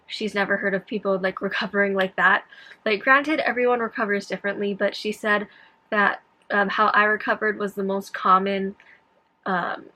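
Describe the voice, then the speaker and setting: A young woman talks casually to her vlog viewers in a clearly bright, sharp-edged voice of average pitch. Her throat is sore after tonsil surgery, so some words come out with difficulty. She recounts things in a scattered way, often breaking off and picking up again. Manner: scattered, self-interrupting. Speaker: vlogger.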